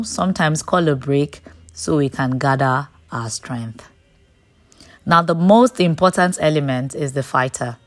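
Slow, low-voiced woman giving a devotional. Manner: slow, deliberate, emphatic preaching delivery. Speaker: devotional host. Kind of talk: short devotional message.

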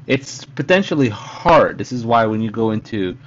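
Low-voiced man, dull lo-fi sound. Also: animated, a little hiss or hum. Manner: halting, searching for words, repeats himself. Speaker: podcast host. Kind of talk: casual reflective monologue.

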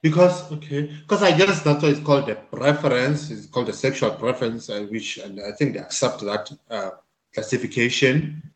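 A man's voice: medium pitch, moderate pace. Guy pushing back, lots of why why why, echoey room sound. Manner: questioning, pushes back with repeated why, stammering restarts. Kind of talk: casual debate. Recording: roomy echo.

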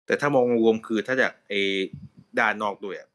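A man's voice: on the low side, a little fast, a bit bright. A man hosting a casual chat about a TV show, with dry, laid-back remarks. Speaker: podcast host. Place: voice chat call.

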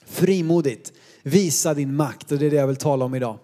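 High-voiced man preaching with humor. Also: dark tone. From Sweden. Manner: humorous, self-deprecating storyteller. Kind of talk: sermon with personal anecdotes.

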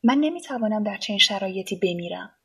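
A woman's voice: medium pitch, animated, a bit bright, breathy edge. A woman reading a storybook voices an agitated, despairing young man of twenty. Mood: angry. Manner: agitated, raised voice.

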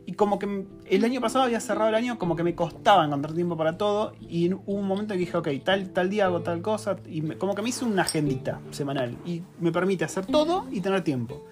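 A man's voice: high-pitched, expressive, fast, hardly any pauses, darkish tone, soft background music. A man in his thirties with a Rioplatense Spanish accent, telling a story in a casual, slangy, self-mocking way as a podcast co-host. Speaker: podcast co-host, course creator. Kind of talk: casual chat.

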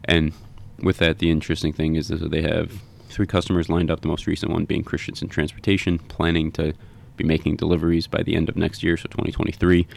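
A man hosting a podcast interview, talking in a halting way and often repeating words. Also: very deep voice, monotone, gravelly. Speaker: podcast host.

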